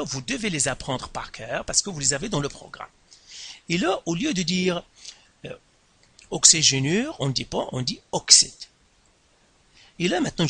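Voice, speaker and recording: A science teacher explains a lesson at the board in a lively, bright, slightly husky voice. He goes slowly and deliberately, stressing syllables, repeating key terms, and jumping widely in pitch, with dry, close sound.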